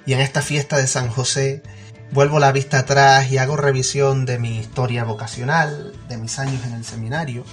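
A man in his twenties, a seminarian, giving a calm, reflective prepared testimony. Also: medium pitch, moderate pace, faint music behind.

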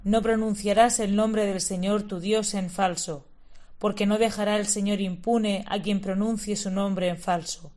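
A woman reading scripture and a spiritual text at a prayer service, steady and measured. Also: mid-range voice. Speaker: lector.

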